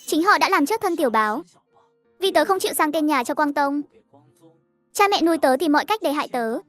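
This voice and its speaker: A woman narrating a cartoon story in a steady, even storytelling voice, over faint music. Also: sits high, brisk.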